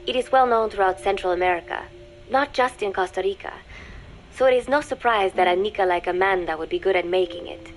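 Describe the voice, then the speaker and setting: A woman voicing a young female spy who poses as a sweet teenage student, narrating a diary in a cool, measured, quietly sardonic way. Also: mid-range voice, slight background noise, lightly acted, low-quality recording. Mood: calm.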